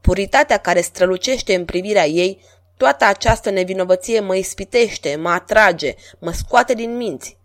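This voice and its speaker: A woman voicing a vain, lovestruck middle-aged king in a storybook reading, speaking grandly and louder than her narration. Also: medium pitch, lightly acted. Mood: rapturous.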